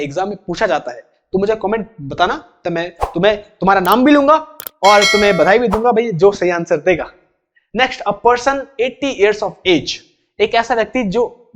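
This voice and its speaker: A man with an Indian accent teaching English vocabulary for exams, explaining each term in Hindi step by step and repeating the key words. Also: sits high. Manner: reads English definitions slowly, then explains in Hindi. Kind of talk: exam-prep vocabulary lesson.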